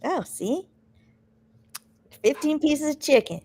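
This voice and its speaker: High-voiced giggly woman cohost. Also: lively intonation, dark tone. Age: 40s. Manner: short quick interjections, giggly. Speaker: podcast co-host. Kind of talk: casual chat.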